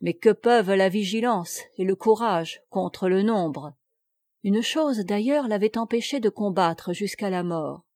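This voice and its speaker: A woman narrating a classic story in a measured, even reading voice. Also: mid-range voice, dry recording, studio quality. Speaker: audiobook reader. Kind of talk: literary narration.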